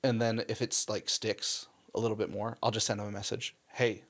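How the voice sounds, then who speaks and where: A young man, a missionary guest, telling his story in a casual interview, animated and full of "like" and "um". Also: on the low side, fairly quick. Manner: animated storyteller, acts out quotes, frequent "like" and "um".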